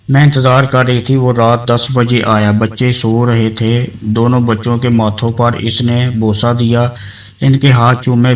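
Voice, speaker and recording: A man narrating a dramatic story in a woman's first person, reading in an even, measured way. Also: medium pitch, far from the mic, low-quality recording.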